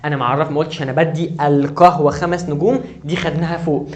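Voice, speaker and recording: Fast-talking Egyptian man teaching German. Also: a little high, fairly even intonation. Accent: Egyptian Arabic. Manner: urgent, repeatedly asks the viewer to focus. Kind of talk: online language lesson.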